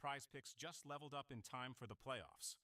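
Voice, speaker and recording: A man reading an ad in a put-on smooth male announcer voice with polished, even delivery. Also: medium pitch, moderate pace, heavy background noise, natural voice. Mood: promotional. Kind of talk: scripted ad read.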